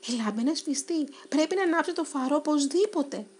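A woman voicing a small, timid but brave male mouse in a storybook, urgent and squeaky. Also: expressive, darkish tone, slight background noise. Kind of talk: storybook reading.

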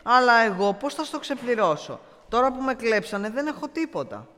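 Man doing a storybook cloth merchant, honest poor guy, high bright voice, hall echo. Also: very animated, heavily acted. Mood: despairing. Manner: hawking, then lamenting.

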